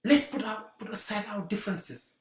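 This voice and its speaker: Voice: mid-range voice, moderate pace. A guest from Senegal, giving an earnest talk on community unity and repeating rallying phrases. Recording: roomy echo.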